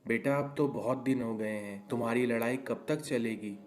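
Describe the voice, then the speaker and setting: A man's voice: medium pitch, normal speed, slight background noise, close to an everyday voice. A man voicing a caring but scolding middle-aged mother-in-law in a cartoon story. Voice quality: scolding, admonishing.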